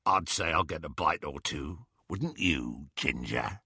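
Man doing a low rasping werewolf. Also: expressive, measured pace, pushed and bright, no room sound, clean studio sound, full character voice. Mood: leering. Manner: snarling, rasping, crooning. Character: snarling menacing male werewolf, gravelly and low.

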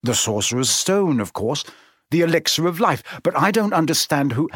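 A man putting on an anxious young boy wizard from a storybook, talking urgently and feverishly. The voice is raised above the reader's natural pitch, and the sound is dry and close. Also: sing-song, moderate pace, fairly bright tone, husky, dry recording, full character voice. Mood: puzzled.

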